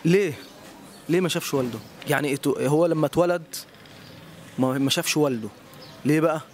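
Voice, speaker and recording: An Egyptian man hosting a street quiz outdoors, encouraging and quick to praise each answer. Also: a little high, a little hiss or hum. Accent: Egyptian Arabic. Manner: encouraging, repeats praise often.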